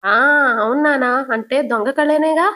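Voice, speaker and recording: A woman voicing a sarcastic, quick-witted young husband in a retold TV serial, with mocking, teasing jabs. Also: sits high, fairly bright tone, pitched above the performer's own voice.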